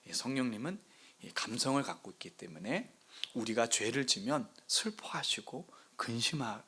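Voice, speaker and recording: Animated male pastor preaching. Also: fairly low pitch, slightly rough. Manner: swings between loud emphasis and hushed whispers; asks the congregation rhetorical questions. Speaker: pastor of a new church plant. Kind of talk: sermon.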